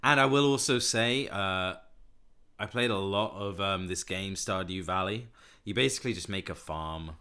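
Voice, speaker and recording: A man's voice: low-pitched, normal speed, bright, forceful tone, clear, resonant tone. A man hosting a podcast in casual chat, teasing and rambling, sounding a little nasal. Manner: chatty, teasing, rambling with fillers. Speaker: podcast host.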